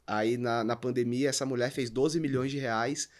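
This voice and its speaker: The Brazilian-accented podcast guest keeps a steady, mid-range voice at a moderate pace. His talk is a conversational business explanation built on examples, delivered in an emphatic, instructive manner with plenty of rhetorical questions.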